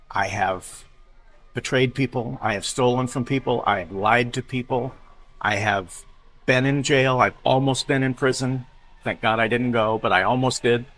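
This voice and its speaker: A middle-aged man from Iowa, a drag performer speaking openly and earnestly in an interview, sometimes halting and restarting. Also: mid-range voice, fairly bright tone. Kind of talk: candid interview talk.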